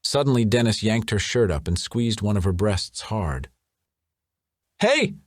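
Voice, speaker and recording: A man reading a thriller audiobook in a measured, even scripted narration. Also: fairly low pitch, no echo, studio quality.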